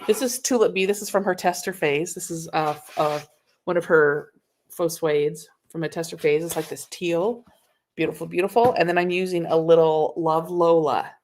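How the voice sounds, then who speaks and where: A woman's voice: on the low side, steady tone, normal speed, a little mellow, slight background noise. A woman hosting a live sewing tutorial, chatting casually and answering viewer comments as she works, recorded on a laptop microphone in a home sewing room. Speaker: sewing instructor.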